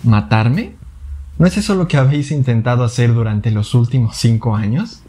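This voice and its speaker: A man voicing a calm, menacing male psychoanalyst who taunts his enemy with measured sarcasm. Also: mid-range voice, breathy edge, natural voice. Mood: taunting.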